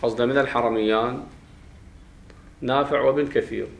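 A man with an Iraqi Arabic accent teaching a grammar class, explaining step by step, questioning his students and slowly chanting verses. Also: medium pitch, steady tone, vocal fry. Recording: roomy classroom echo.

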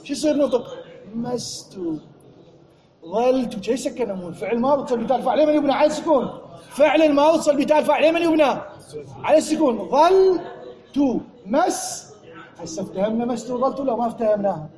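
An Iraqi-accented man leads a grammar lesson in a very high voice, firing repeated questions at his class. The classroom is echoey, and the students can be heard clearly behind him. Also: animated, very fast, crowd noise. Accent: Iraqi Arabic. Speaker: teacher. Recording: echoey room, class audible.

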